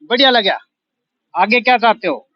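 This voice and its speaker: A man's voice: high-pitched, lively intonation, moderate pace, dry recording, muffled recording. A man interviewing schoolchildren in a casual, playful and cheering way, with hesitant fillers.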